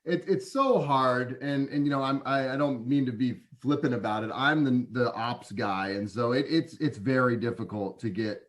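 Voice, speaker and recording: A man in his forties, a guest consultant, talking casually in an interview with frequent restarts and quick acted-out client quotes. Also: mid-range voice. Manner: chatty, many restarts, acts out clients' voices. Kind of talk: conversational podcast interview.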